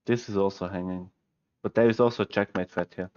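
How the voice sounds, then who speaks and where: A young Swiss man, a native German speaker with a Swiss German accent, streams chess puzzles from a small room at home, chatting with viewers through a headset. He muses aloud, halting, self-correcting, and talking to himself. His voice is low, a little mellow, and fairly even, with the highs cut off.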